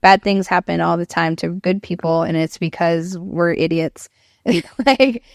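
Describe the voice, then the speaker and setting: A woman in her thirties talking in a relaxed podcast conversation, reflective and laughing easily, with plenty of fillers. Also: lowish voice, a little slow, gravelly, dry recording, clean studio sound. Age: 30s. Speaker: podcast guest.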